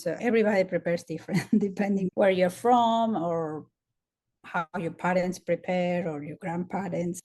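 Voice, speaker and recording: A woman in her fifties from Peru with a Peruvian Spanish accent, telling food memories as a podcast guest with soft laughs. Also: lowish voice. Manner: warm storytelling with frequent soft laughs. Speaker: guest dietitian. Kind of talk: conversational interview.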